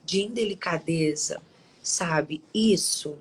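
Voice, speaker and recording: Low-voiced woman giving a devotional talk. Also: slow, husky, poor audio. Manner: conversational, with frequent tag questions and restarts. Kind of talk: devotional talk and scripture reading.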